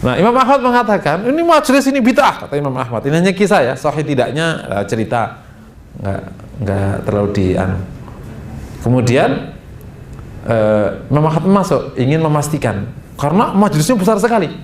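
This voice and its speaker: A man giving an Islamic study lecture in style, chatty and animated, jumping high in pitch for emphasis and slipping in laughing asides. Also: fairly quick. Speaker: Islamic preacher. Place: mosque study hall. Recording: echoey room with faint background rumble.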